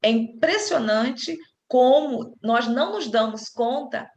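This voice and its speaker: A woman leads a spiritist study group, explaining things patiently and circling back through fillers and restarts. Her voice sits a little high. It rings in a roomy, echoey space. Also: animated, takes it slowly, a little mellow, lo-fi sound.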